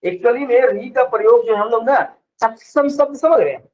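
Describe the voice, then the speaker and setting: High-voiced teacher drilling students. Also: male voice, darkish tone. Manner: keeps asking "है ना?" to check students follow; explains slowly, stretching example words. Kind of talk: classroom lecture. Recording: dull lo-fi sound.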